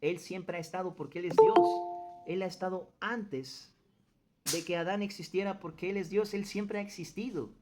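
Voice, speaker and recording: A man whose voice is on the high side and darkish in tone, somewhat raised, leads a group Bible study. He reads passages aloud in an earnest, teaching manner, quizzing the group and stressing points. A little hiss or hum is audible.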